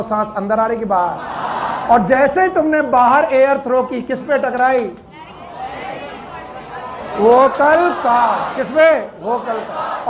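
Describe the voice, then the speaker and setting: A man with a very high voice teaches a biology class in Hindi with a Purvanchal accent, quizzing and scolding his students and dropping in English terms. It is a classroom lecture with background noise.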